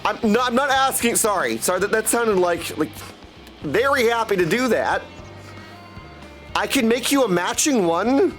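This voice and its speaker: A voice actor and audiobook narrator hosts a video game livestream, his high-pitched, fairly bright voice animated and moderately paced. He chats casually with viewers, alternating between replies and catchphrases, with music playing behind him.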